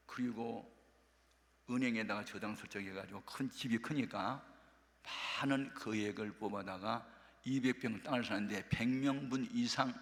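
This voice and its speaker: An older male pastor telling a story in a sermon, acting out the people in it with lively delivery. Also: mid-range voice. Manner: animated, acts out dialogue. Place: prayer retreat worship hall. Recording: reverberant sanctuary sound.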